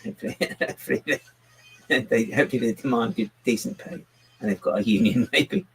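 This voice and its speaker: A man's voice: medium pitch, expressive, fairly quick, breathy edge, rough recording. A man rambling casually to his livestream chat while he builds, self-mocking and chuckling often. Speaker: livestream host building with bricks.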